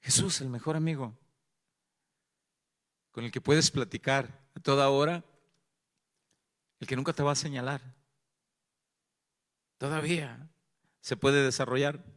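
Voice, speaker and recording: A man's voice: medium pitch, steady tone, measured pace, pauses often. A male pastor with a Mexican accent, preaching a sermon with earnest storytelling and repeated phrases. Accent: Mexican Spanish.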